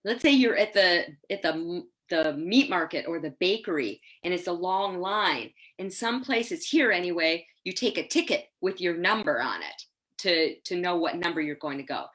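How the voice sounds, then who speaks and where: A woman in her sixties leading an online teacher-training webinar over a video call, enthusiastic and quick to laugh. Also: fairly low pitch. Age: 60s. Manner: lively, enthusiastic, laughs often. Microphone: laptop webcam on a video call.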